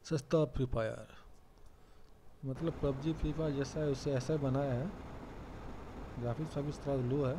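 A man's voice: mid-range voice, fairly even intonation, normal speed, pauses often, background noise. A young man giving casual, chatty commentary on his own gameplay and joking about himself. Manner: chatty, self-mocking, calls out to teammates. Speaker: gamer commentating his play.

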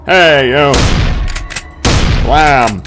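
A man hosting a playthrough gives casual, rambling gameplay commentary and mutters asides to himself. His mid-range voice draws out words against a noisy background of game music.

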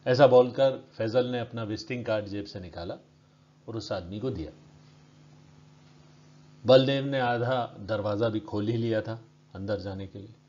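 A male storyteller reads his story aloud, steady and measured. He takes his time with each line, and the recording sounds muffled and lo-fi. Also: on the low side. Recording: dull lo-fi recording.

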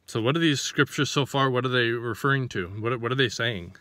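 This man's voice sits at a medium pitch and moves fairly quickly, sounding pushed and bright in an echo-free recording. He preaches casually to the camera, reading a passage of scripture before explaining it through rhetorical questions, occasionally starting over while searching for the right words.

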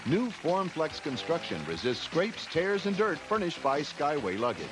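A man's voice: on the high side, wildly swooping pitch, normal speed, low-quality recording. An American man announcing game show prize plugs in a punchy salesman delivery. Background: music.

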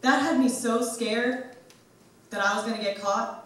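A young adult woman doing a stand-up comedy set, with a deadpan, awkward, self-deprecating delivery. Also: on the high side, measured pace. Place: large university hall with live audience. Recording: echoey hall, mic from far, noisy.

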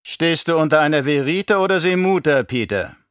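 A man's voice: a little high, lively intonation, normal speed, fairly bright tone, clean tone, dry recording, studio quality, voice pushed up. A man putting on a cold, growling baron. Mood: menacing. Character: scheming, menacing middle-aged male baron.

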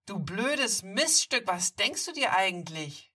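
A woman's voice: medium pitch, expressive, unhurried, far from the mic, pitched above the performer's own voice. Woman reading as a sneering teen bully. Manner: sneering, loud. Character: teenage boy bully, crude and mocking.

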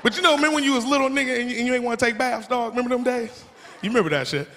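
A man doing a stand-up routine, loud and profane, acting out shouting parents and whining kids in high squeals. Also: very fast, noisy background. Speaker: stand-up comedian. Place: comedy club stage before a laughing audience. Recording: echoey club with loud crowd laughter. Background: crowd laughter.

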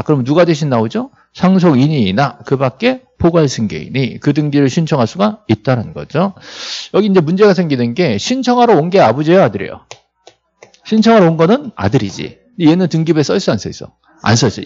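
Lively, gravelly man lecturing a class. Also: fairly high pitch, muffled recording. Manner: lively, asks students questions and answers them himself; jokey, acts out little scenes. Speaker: real estate law instructor.

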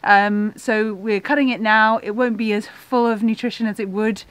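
A young woman hosting a farm vlog, talking in a relaxed, thoughtful way with plenty of fillers, filmed outdoors and in a goat shed. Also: medium pitch, normal speed, clean tone, dry recording. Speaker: farmer and vlog host.

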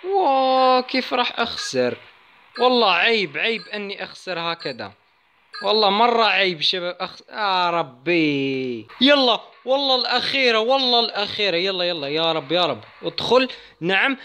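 Excitable male gamer, high lively voice. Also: normal speed, a little hiss or hum. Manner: excitable, chatty, addresses viewers, yelps at game moments. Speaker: gaming channel host. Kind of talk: excited let's-play commentary.

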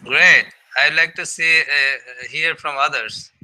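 A man's voice: on the high side, takes it slowly, bright, forceful tone, rough recording. A man leading an online student meeting over a video call, encouraging and full of fillers and restarts. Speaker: meeting leader and mentor.

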